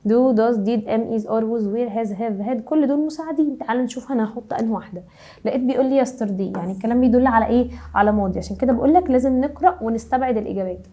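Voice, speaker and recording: Brisk Egyptian woman teaching grammar. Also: a little high, warm tone, muffled recording. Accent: Egyptian Arabic. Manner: brisk, keeps asking rhetorical questions. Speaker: English teacher. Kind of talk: grammar lesson for middle schoolers.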